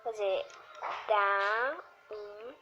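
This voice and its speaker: A woman with a Brazilian accent giving casual commentary on her gameplay as the host of a gaming video. She swings from quiet muttering to squealing outbursts. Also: mid-range voice, steady tone, very slow, muffled recording, a little hiss or hum. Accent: Brazilian Portuguese.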